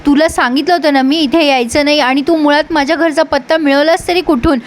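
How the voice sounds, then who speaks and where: A woman's voice: high-pitched, fairly even intonation, brisk, lightly acted. A woman reading out the lines of an angry young male doctor in a harsh, scolding way.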